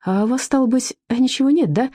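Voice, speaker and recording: A woman's voice: sits high, a little fast, warm tone, voice pushed up. A woman voicing a lazy, indifferent male police lieutenant with an offhand official manner. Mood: bored.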